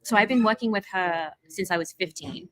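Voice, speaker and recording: A woman's voice: mid-range voice, a little fast, a bit bright, no echo, rough recording. A young woman with an Australian accent, a filmmaker and voiceover actor, chatting casually in an interview with many fillers. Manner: chatty, lots of fillers and laughs.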